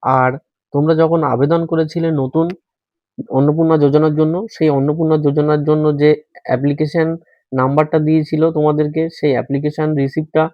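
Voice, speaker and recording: A man's voice: fairly high pitch, dry recording. Patient man explaining step by step. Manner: patient, step-by-step explaining, addressing viewers as friends. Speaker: tutorial host. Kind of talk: screen-recorded how-to walkthrough. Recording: dry, slightly dull voice-over.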